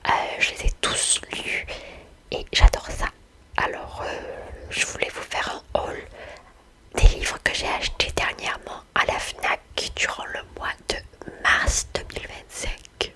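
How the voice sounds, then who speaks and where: A woman speaking in a soft library-like whisper, talking about books and reading aloud in an ASMR style. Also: measured pace. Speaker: book haul video host. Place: indoors, in front of bookshelves.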